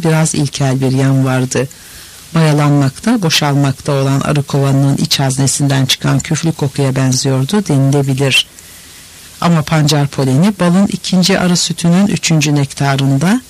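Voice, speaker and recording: A man reading a novel aloud in a measured, expressive storytelling manner. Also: a little high, low-quality recording. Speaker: narrator. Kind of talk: scripted audiobook narration.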